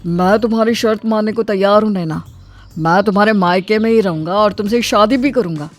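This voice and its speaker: A woman voicing an agreeable young husband in an animated storybook, with a mild, easygoing manner. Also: medium pitch, a little fast, lightly acted. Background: faint music.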